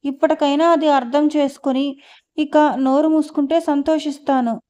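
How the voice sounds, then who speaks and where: A woman's voice: high-pitched, fairly even intonation, normal speed, mellow, close to an everyday voice. A woman reader voicing an exasperated middle-aged husband who answers his wife curtly and sternly in an audio novel.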